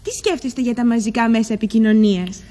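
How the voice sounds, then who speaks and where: A woman's voice: fairly high pitch, warm tone, lightly acted. An actress playing a prim, self-important woman TV presenter. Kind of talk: sitcom acting.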